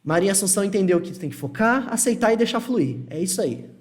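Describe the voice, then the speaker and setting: A man's voice: high-pitched, expressive, fast. A man from Brazil teaching English on a live stream, reading chat questions and answering them in a reassuring, repetitive way.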